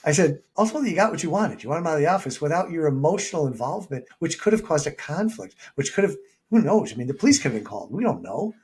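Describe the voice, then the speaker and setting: A man speaks as a leadership coach in a relaxed interview. His voice is mellow and a little husky, and he tells stories animatedly, voicing the people in them. The talk is conversational and unscripted. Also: fairly high pitch, fast. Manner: animated, acts out quoted dialogue in anecdotes.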